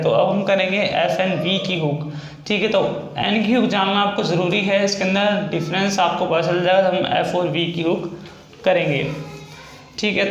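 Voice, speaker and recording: High-pitched man teaching in an echoey room. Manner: explains step by step, repeats words and says "ठीक है" often. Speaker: shorthand teacher. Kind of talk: recorded classroom lesson. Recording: echoey room with faint background noise.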